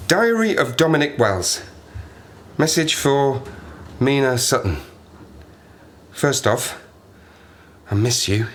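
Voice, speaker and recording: In a diary-like audio drama monologue, an actor plays a lonely, half-mad plane-crash survivor who rambles and mocks himself while talking to himself. His mid-range voice has lively intonation, and he speaks slowly and wistfully with frequent pauses.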